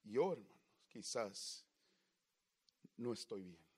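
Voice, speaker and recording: A man preaching a sermon with passion, swinging from loud outbursts to low, quiet murmurs. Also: expressive, slow pace, slightly rough.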